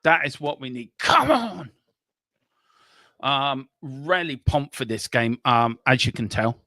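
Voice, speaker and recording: A man's voice: medium pitch, normal speed, bright, forceful tone, no room sound. A man hosting a live football watchalong, chatting eagerly with frequent ums, recorded close on a headset mic. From Ireland. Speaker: watchalong host. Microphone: earpiece headset on a live stream.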